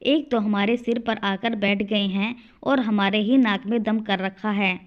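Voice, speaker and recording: Woman voicing a cruel daughter-in-law, contemptuous scolding tone, mid pitch, muffled lo-fi sound. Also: fairly even intonation, unhurried, natural voice.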